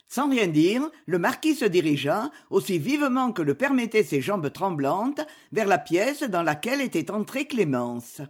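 Husky woman narrating a novel. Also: medium pitch, very animated, normal speed, few pauses. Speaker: audiobook reader.

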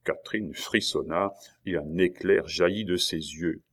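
A man narrating an audiobook with a dramatic, expressive reading. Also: low-pitched, measured pace.

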